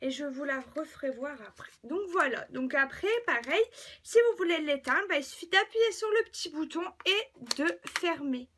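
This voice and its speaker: A young woman with a high voice shows off a gadget in a chatty home vlog. She talks in a hesitant way, full of fillers and restarts. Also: animated, moderate pace, fairly bright tone, slight background noise. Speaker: beauty vlogger. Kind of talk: casual product demo.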